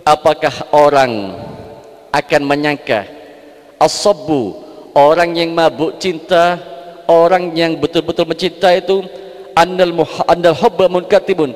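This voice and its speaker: A man's voice: on the high side, fairly even intonation, unhurried. A man preaching a sermon that explains devotional poetry, repeating phrases for emphasis and breaking into chanted Arabic verses. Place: large mosque hall. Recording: echoing mosque hall.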